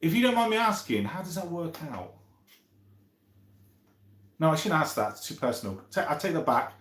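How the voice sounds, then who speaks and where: His voice sits a little high and fairly bright, swinging widely in pitch at a normal pace. He's a man in his fifties on a casual live stream, reading viewer comments and answering them in a rambling, pally, thinking-aloud style, with an echo from the room.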